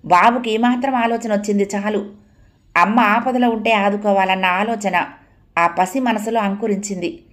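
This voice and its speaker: A woman reading a novel aloud as dramatic, expressive audiobook narration. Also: mid-range voice, normal speed.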